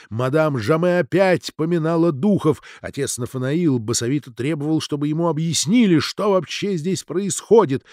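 A man narrating an audiobook in an expressive, measured storytelling manner. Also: a little high, dry recording, studio quality.

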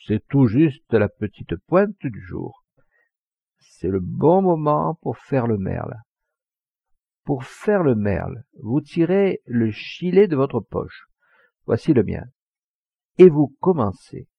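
A husky, gravelly Provençal hunter, boastful and commanding as he spins a tall tale, as a man reads him in an audiobook. His talk swings lively in pitch, and the recording sounds dull and lo-fi. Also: slow pace, no room sound, full character voice. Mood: showy. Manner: commanding, showy teller of tall tales.

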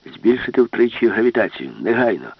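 A man voicing a calm, decisive older male professor with a firm, clipped delivery. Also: fairly low pitch, a little fast, slightly rough, dry recording, exaggerated voice. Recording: dull, lo-fi, dry.

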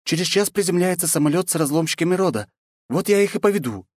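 A man's voice: high voice, lively intonation, quick pace, darkish tone, no room sound, studio quality, voice pushed up. A man reading an audiobook, voicing a serious, dutiful young woman who takes everything literally. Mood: businesslike. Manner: serious and businesslike.

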